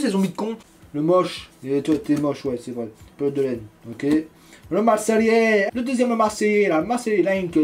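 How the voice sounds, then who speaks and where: A man's voice: on the high side, dark tone. A man giving casual, jokey unboxing commentary, reading card captions aloud as he goes. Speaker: YouTuber opening trading cards.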